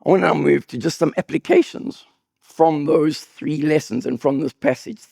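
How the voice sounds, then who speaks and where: A man preaching a sermon as pastor, with an accent, telling humorous stories with sudden high bursts of emphasis. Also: normal speed, dry recording, clean studio sound. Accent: non-local accent. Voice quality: gravelly, husky voice. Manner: animated, jokey storytelling with sudden high bursts.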